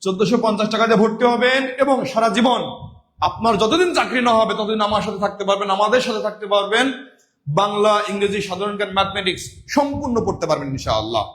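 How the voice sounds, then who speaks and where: A man teaching a live online grammar class. He repeats each point and answers his own questions, and he also pitches course admission. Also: lively intonation, fast, a bit bright, roomy sound. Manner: repeats points and asks students call-and-response questions; promotes course admission between explanations.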